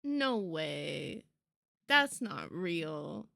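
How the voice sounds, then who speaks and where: A woman streamer chatting casually with her viewers while she draws, excitable, swearing often and laughing a lot. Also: deep voice, drawn-out words, gravelly, dry recording, studio quality. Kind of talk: casual livestream chat while drawing.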